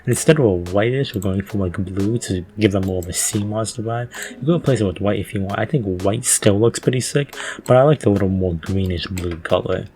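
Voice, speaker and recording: A man's voice: on the low side, fairly quick, darkish tone. A man talking casually over a gaming video, loose and laid-back, with lots of fillers and the odd swear.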